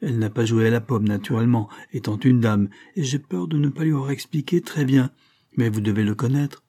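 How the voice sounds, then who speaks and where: A man voicing an eager young boy in a read-aloud storybook, lively and earnest. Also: mid-range voice, fairly quick, close to an everyday voice. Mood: excited. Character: eager, bright young boy, a little lord.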